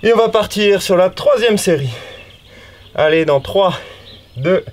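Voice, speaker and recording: A man runs a guided workout as a fitness coach, his voice sitting noticeably high for a man. He keeps things upbeat and chatty, counting reps aloud and tossing in casual remarks between sets. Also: lively intonation, measured pace, a little hiss or hum. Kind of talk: guided home workout instruction.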